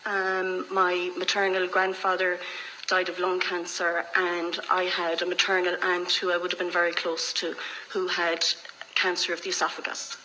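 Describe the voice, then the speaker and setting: A middle-aged Irish woman with a lowish, bright, forward voice speaks frankly and reflectively, telling personal stories in conversation as an interview guest. There is faint noise and room ambience behind her. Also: monotone, normal speed, poor audio. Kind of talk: candid personal storytelling in conversation.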